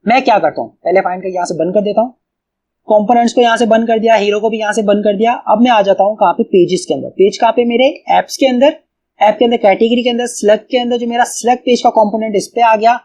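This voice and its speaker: In a screen-recorded coding tutorial, a Pakistani man with an Urdu accent talks quickly in a high, steady, somewhat dark voice. He thinks aloud casually and keeps calling the viewer "bhai," meaning brother.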